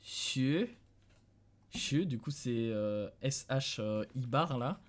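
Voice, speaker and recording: This young streamer from France speaks extremely slowly in a mid-range voice with lively intonation. Loose and casual, he narrates his session aloud, often chuckling and addressing his viewers, using a desk mic in a dim room at home for the live-stream commentary.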